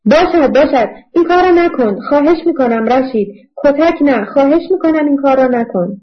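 A woman's voice: a little high, very animated. A woman voicing an urgent, pleading young wife, in a dull lo-fi audiobook recording.

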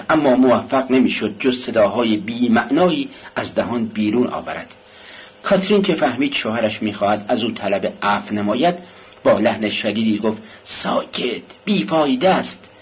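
A male audiobook narrator with a low, expressive voice that rises and falls a lot. His scripted narration is dramatic. The recording is dull and lo-fi, with faint hiss behind it.

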